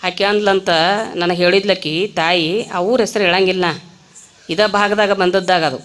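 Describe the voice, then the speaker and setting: A woman preacher with a North Karnataka accent giving a comic religious discourse in a temple, telling stories with rustic humor and quick asides to the audience. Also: fairly low pitch, steady tone, fairly bright tone. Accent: North Karnataka Kannada. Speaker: spiritual preacher.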